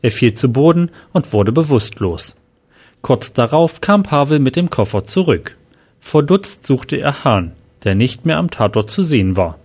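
A man reading a crime story as narrator in a steady, even way. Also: mid-range voice, a little slow, husky.

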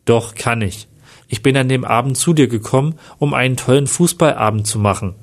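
A man's voice: medium pitch, a little fast, lightly acted. Self-assured male investigator, read aloud by a man, plain storybook delivery.

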